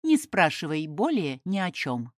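A woman's voice: low-pitched, big pitch swings, measured pace, no echo, studio quality. A woman reading an audiobook and voicing a cold, stubborn Roman noblewoman who talks in curt, scornful commands. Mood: aloof.

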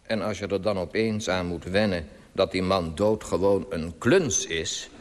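A man's voice: sits low, a little slow, big-room sound, slight background noise. A man delivering a dry, mocking satirical monologue for old radio.

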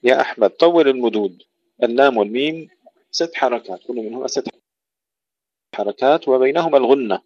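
A man teaching Quran recitation in an online lesson, patiently correcting a student and stretching out model verses slowly. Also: mid-range voice, darkish tone, breathy edge, dry recording. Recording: dull, dry online call audio.

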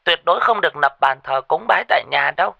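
A man voicing a frantic middle-aged woman, the wife of a sorcerer, giving urgent high-pitched warnings in a ghost story. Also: lively intonation, fast talker, vocal fry, no echo, lo-fi sound.

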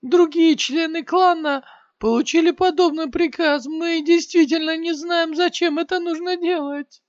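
A man voicing an arrogant clan warrior who shouts, his voice cracking high when he begs. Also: measured pace, clear, resonant tone, no room sound. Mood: terrified, screaming. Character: arrogant clan warrior, male, turns terrified. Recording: slightly dull, dry lo-fi sound.

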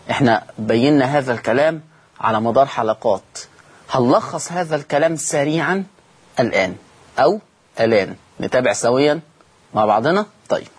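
A man with an Egyptian Arabic accent teaching Quran recitation in a televised lesson, repeating points slowly and putting questions to his listeners. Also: mid-range voice, husky.

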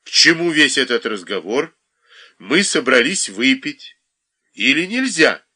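A man reading aloud, voicing an angry young woman who makes sharp accusations. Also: medium pitch, big pitch swings, unhurried, husky, heavily acted. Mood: accusing.

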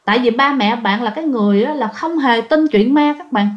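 A woman's voice: on the high side, lo-fi sound. A woman telling a ghost story in a chatty, casual way to her listeners. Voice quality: lively, chatty, drawn-out southern fillers.

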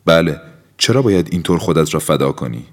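A man's voice: extremely low pitch, animated. A man voicing an insistent young man in an audiobook, pressing with raised, urgent questions. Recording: long hall-like reverb.

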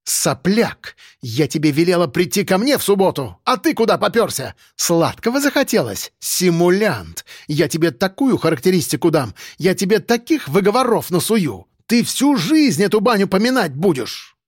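A man reading an audiobook, voicing an angry, domineering middle-aged woman boss who yells and scolds coarsely. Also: high-pitched, big pitch swings, normal speed, few pauses, slightly rough, dry recording, clean studio sound, pitched above the performer's own voice, exaggerated voice. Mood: yelling.

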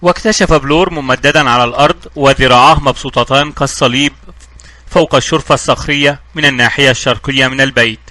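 Man, audiobook narration, fast pace, sharp bright tone. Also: medium pitch, steady tone, dry recording. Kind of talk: scripted narration.

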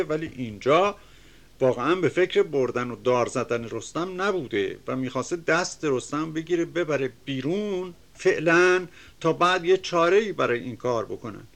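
An older man giving a lecture, reciting classical verse slowly and with emphasis, then explaining each line in plain conversational speech. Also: on the high side, a bit bright.

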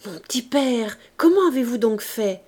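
Brief: woman reader plays a spoiled, coaxing young street girl, raised bright voice. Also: on the high side, lively intonation, moderate pace. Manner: childish, wheedling coaxing.

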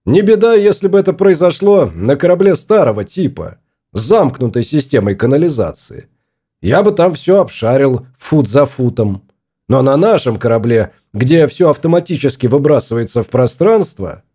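A man's voice: mid-range voice, very animated, moderate pace, mellow, breathy edge. A man voicing a stubborn, fussy husband exploring space in an audiobook, grumbling and obstinate.

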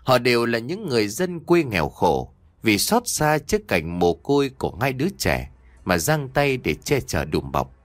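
A man's voice: mid-range voice, sing-song, normal speed, dry recording. A man narrating a scripted horror story in a dramatic, ominous storytelling manner.

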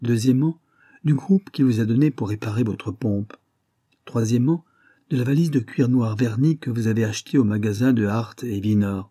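A poised young woman detective who lays out her case point by point, as a male reader puts her on. Her voice sits a little higher than the narration, husky and dark in tone, in a dry, close recording. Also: moderate pace, dry recording, close to an everyday voice. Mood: firm. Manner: firm, precise questioning.

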